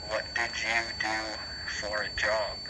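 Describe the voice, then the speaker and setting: A man working as a paranormal investigator, softly asking unhurried questions aloud to spirits, with pauses. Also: on the low side, level tone. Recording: clearly noisy amateur field recording.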